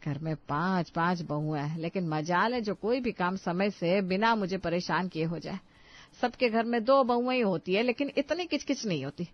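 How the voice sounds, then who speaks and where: A woman's voice: on the low side, normal speed, close to an everyday voice. A woman voicing a stern, nagging middle-aged mother-in-law who scolds her daughters-in-law sharply, in a dull lo-fi recording. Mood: grumbling. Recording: dull lo-fi sound.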